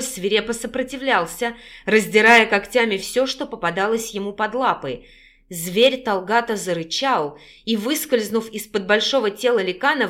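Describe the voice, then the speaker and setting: A woman narrating an audiobook in a steady, even storytelling voice. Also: on the high side. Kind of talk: scripted narration.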